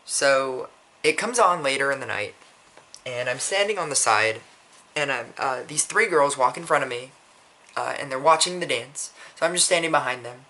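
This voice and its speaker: Bright-voiced guy rambling through a story. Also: medium pitch, expressive, moderate pace. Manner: rambling, frequent restarts, blunt and profane. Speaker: vlogger. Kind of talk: casual storytelling.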